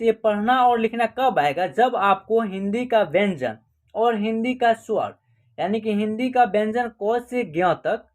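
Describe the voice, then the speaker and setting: A woman teaching an online class, explaining step by step and asking questions that she then answers herself. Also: medium pitch.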